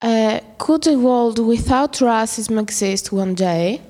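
Hesitant girl asking slow questions. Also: fairly high pitch, dark tone, big-room sound. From Greece. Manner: hesitant, reading questions with fillers. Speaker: student interviewer. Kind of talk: scripted school podcast questions.

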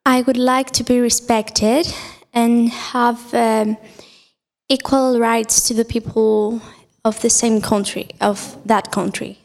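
A woman with a fairly high voice explains her points carefully and slowly. She pauses to think between phrases. Long reverb hangs over the recording. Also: fairly even intonation, creaky, darkish tone. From Greece. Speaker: podcast guest. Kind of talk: casual discussion answers. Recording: reverberant room.

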